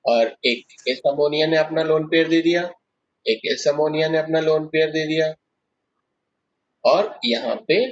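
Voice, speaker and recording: A male chemistry teacher with a fairly high voice lectures at the board, working through each step and asking his students questions as he goes. The recording is dull and lo-fi. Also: slight background noise.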